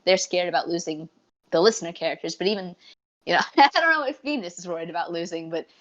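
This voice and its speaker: A woman with a fairly low voice co-hosts a podcast, talking in an eager, rambling way and often restarting mid-sentence. Her voice comes through a dull, lo-fi recording. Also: animated, quick pace, a bit bright. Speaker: podcast co-host. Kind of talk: casual podcast chat.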